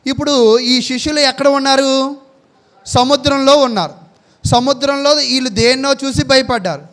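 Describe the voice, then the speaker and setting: A man with a high voice preaches a sermon. He keeps asking his listeners questions and answering them himself. He stops now and then to read out Bible verses. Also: fairly even intonation, moderate pace, a bit bright.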